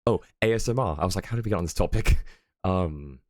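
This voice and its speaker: A man with a very low, deep, darkish voice chats casually and animatedly at a quick pace to his stream audience from a home setup. He rambles, filling gaps with ums and little chuckles, and the sound is dry and close with no room echo.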